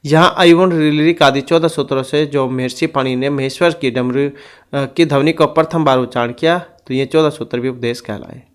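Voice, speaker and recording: A man's voice: medium pitch, steady tone, moderate pace, smooth. A man teaching an exam-prep grammar lesson who reads out rules and goes through lists one item at a time.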